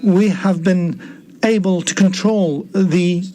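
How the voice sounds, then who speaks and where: Slow, higher-pitched man giving a podium speech. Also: fairly even intonation, mellow. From Algeria. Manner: halting, deliberate phrasing with pauses. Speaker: national delegate addressing an assembly.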